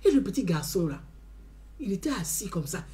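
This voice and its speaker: Woman, animated storyteller with a sing-song swooping voice, emphatic and repetitive. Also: on the low side, a little fast. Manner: emphatic, repeats phrases, tags lines with "hein". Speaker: community member giving a testimony.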